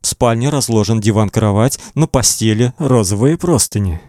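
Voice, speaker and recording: A man's voice: lowish voice, moderate pace, warm tone, no echo, studio quality. A man narrating an audiobook in a tense, dramatic reading.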